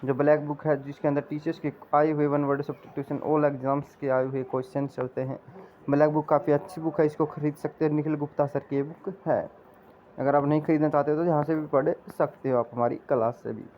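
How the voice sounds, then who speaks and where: A man teaching vocabulary for exam prep. He drills each answer by repeating it and reads the definitions slowly. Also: on the high side, steady tone. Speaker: English teacher. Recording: slightly dull lo-fi audio with faint noise.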